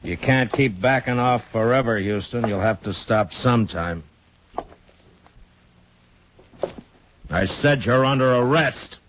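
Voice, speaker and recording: An actor playing a tough, terse, wary Old West marshal in a 1950s radio western, clipped and commanding. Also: male voice, mid-range voice, moderate pace, close to an everyday voice. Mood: stern, commanding. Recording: muffled noisy 1950s radio recording.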